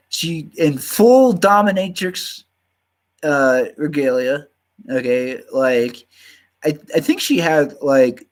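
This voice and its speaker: A man in his fifties with a slight Southern drawl, chatting casually on a livestream in a halting way full of fillers and restarts. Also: mid-range voice, low-quality recording. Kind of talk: casual rambling chat.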